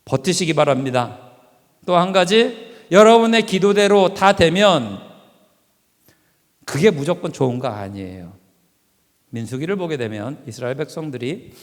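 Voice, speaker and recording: A man giving a lively, humorous sermon in a church, quizzing the audience and acting out scenes. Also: on the high side. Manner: animated, asks the audience questions and acts out scenes. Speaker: guest preacher. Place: church sanctuary. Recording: long reverb of a church hall.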